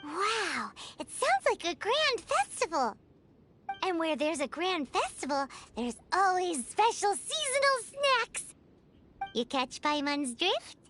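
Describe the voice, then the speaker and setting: Paimon, tiny squeaky companion girl. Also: big pitch swings, takes it slowly, fairly bright tone, full character voice. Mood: excited. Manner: speaks of self in third person, perky. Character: tiny cheerful squeaky floating companion girl, greedy for snacks. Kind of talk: video game voice acting. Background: music.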